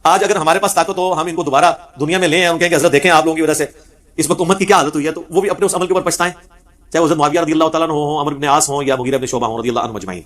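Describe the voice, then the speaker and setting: A man giving a religious lecture on hadith, telling the stories vividly and acting out the quoted speech. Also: fairly high pitch. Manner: animated storyteller who acts out quoted speech. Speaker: Islamic preacher.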